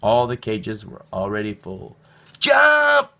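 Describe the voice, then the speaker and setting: A man with a medium-pitched voice reads a children's storybook aloud at a moderate pace, narrating in an expressive style.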